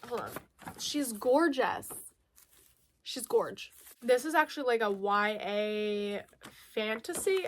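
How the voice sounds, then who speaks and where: A slightly high-pitched woman talks casually as a book vlogger, with a little hiss or hum audible. Giggly and prone to correcting herself, she reads blurbs from her book haul, her voice a touch nasal from a mild cold that's lingering.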